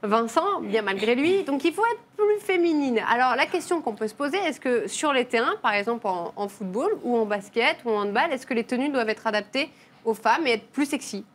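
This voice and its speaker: Bubbly fast-talking woman host. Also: fairly high pitch, animated, slight background noise. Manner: bubbly, quick, playful. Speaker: TV show host. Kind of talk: lively studio chat.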